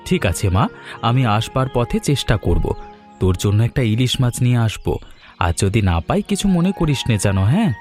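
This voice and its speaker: An actor playing a poor middle-aged fisherman and father who talks in a calm, reassuring way. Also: medium pitch, brisk, lightly acted. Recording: faint music underneath.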